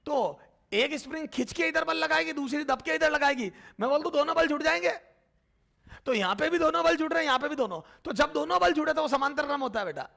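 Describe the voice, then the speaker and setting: A man teaching a physics lecture at the board, calling students "beta", asking and answering their questions himself, and repeating terms slowly while he writes. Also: very high voice, animated, creaky, bright, forceful tone.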